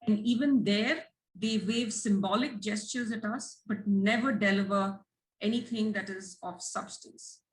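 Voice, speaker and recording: A woman's voice: medium pitch, measured pace, low-quality recording. A woman activist giving earnest, emphatic prepared remarks as a guest on a livestream. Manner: earnest, emphatic, listing points.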